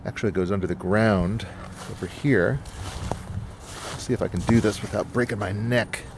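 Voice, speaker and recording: Speaking as a hobbyist host, a man offers a casual, unscripted explanation, halting and hesitant with frequent pauses. His gravelly voice sits on the lower side, and there's noise in the background.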